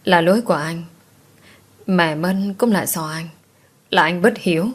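Storybook role: gentle grieving father, soft and apologetic, voiced by a woman narrator. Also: lowish voice, unhurried. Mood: tender.

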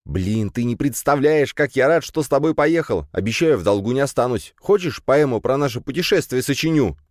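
A man voicing a naive, excitable young city man who exclaims eagerly at everything. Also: mid-range voice, fairly quick, dry recording, studio quality, voice pushed up, natural voice. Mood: excited.

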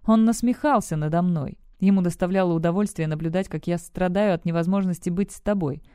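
A woman's voice: lowish voice, fairly quick, warm tone, smooth, no room sound, clean studio sound, lightly acted. Ruslan, a smug cynical young man, read by a woman. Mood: bitter. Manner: smug and brusque.

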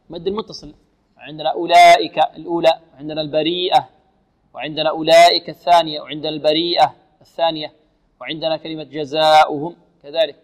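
A man teaching Quran recitation rules, slowly repeating words to demonstrate them and asking students questions. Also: on the high side, big-room sound. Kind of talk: tajweed lesson for students.

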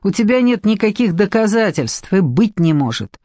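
A woman's voice: medium pitch, very animated, moderate pace, dark tone, dry recording. A cowardly, violent boss snarls his threats, played by a woman reading an audiobook. The voice sits mid-range and sounds dry and close. He comes across as menacing and scornful.

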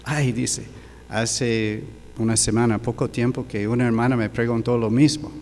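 An older man giving a sermon, telling a personal story in a slow, halting way with many fillers. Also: medium pitch, flat delivery, darkish tone, big-room sound, a little hiss or hum. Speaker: preacher. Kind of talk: sermon testimony.

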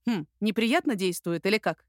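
A woman voicing a calm, wry male best friend. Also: mid-range voice, moderate pace, dry recording, clean studio sound, lightly acted. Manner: steady, reassuring, wry.

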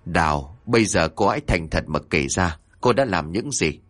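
A man playing a stern older male exorcist with a deep, somber voice who scolds harshly in a horror story. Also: expressive, normal speed, a bit bright, no room sound.

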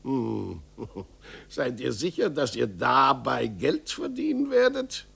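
Man doing grumbling old carpenter, gruff, gravelly, slow, radio story voice. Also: medium pitch, sing-song, a bit bright, full character voice. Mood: teasing.

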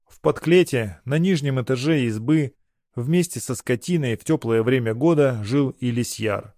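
A man reads a story aloud in calm, measured narration. His voice is mid-pitched, and the recording is dry with no room sound. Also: no echo. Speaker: audiobook reader. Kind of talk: scripted narration.

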